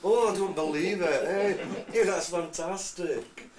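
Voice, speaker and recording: A man's voice: sits high, measured pace, a little mellow, pitched above the performer's own voice. A man putting on a gushing Scotsman. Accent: Scottish. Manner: gushing, exaggerated surprise. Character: chatty, over-eager Scottish man. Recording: echoey room, far from mic.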